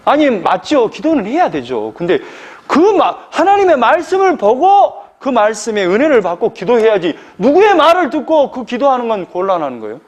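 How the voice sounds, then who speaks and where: A man preaching an expository sermon as pastor, animated, asking the congregation rhetorical questions. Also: very high voice, moderate pace.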